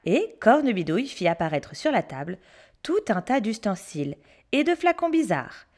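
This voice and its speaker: A woman storyteller reading a children's story aloud, expressive and hushed for suspense. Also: mid-range voice, moderate pace.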